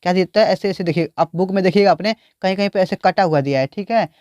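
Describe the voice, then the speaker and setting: A man's voice: sits high, quick pace, a little mellow, no echo, clean studio sound. A man teaching biology, explaining a diagram and repeatedly asking the class questions.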